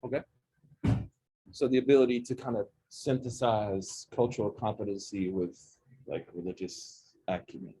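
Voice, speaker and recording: With poor audio, this clip catches a man's low-leaning, dark-toned voice at a moderate pace and with fairly even intonation. He is an imam in his forties from Oklahoma, USA, speaking with the local accent. In a campus center room he runs a casual session with students, joking, chatting and putting questions to them.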